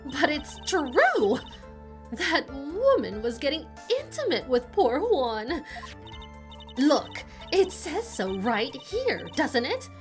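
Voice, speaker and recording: A woman voicing a loud, pushy old woman witness who loves gossip, in a video game playthrough. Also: huge pitch swings, takes it slowly, soft background music, full character voice. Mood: shrieking. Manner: shrill, pushy and scolding.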